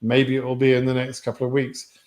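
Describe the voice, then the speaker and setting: A British livestream host reads viewer questions about the immigration lottery and answers them bluntly and matter-of-factly. His delivery is completely flat and a little fast, in a medium-pitched, slightly mellow voice.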